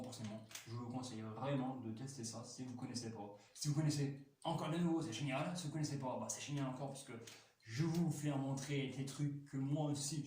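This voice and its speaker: A man's voice: mid-range voice, a little mellow. A talkative man rambles through a toy review, full of hesitations and restarts. His voice bounces around a very echoey room, picked up from a distance with a faint hiss underneath. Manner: chatty, full of fillers and restarts, enthusiastic.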